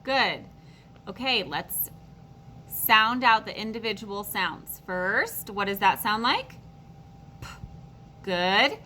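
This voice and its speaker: A woman teaching a phonics lesson to young children, slowly sounding out words and encouraging them. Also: medium pitch, very animated, pushed and bright, a little hiss or hum, poor audio.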